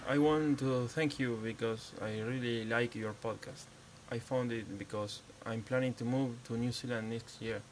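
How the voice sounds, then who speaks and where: A man's voice: medium pitch, steady tone, moderate pace, few pauses, low-quality recording. A man from Argentina, a native Spanish speaker with an Argentine accent, leaving a simple voice message in English as a second language. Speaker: podcast listener leaving a voicemail. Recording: voice message with background noise.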